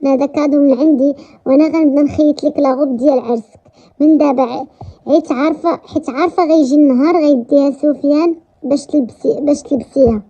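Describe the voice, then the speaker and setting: A woman's voice: high-pitched, fairly even intonation, quick pace, warm tone. A woman with a Moroccan accent voicing a playful, cheerful young dressmaker in a romance story. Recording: dull lo-fi recording.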